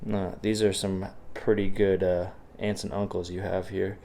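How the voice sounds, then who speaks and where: A physics teacher who is sick and a bit sniffly walks through practice problems in a video lecture, casual and encouraging. His low, dark voice stays level and unhurried, with slight background noise.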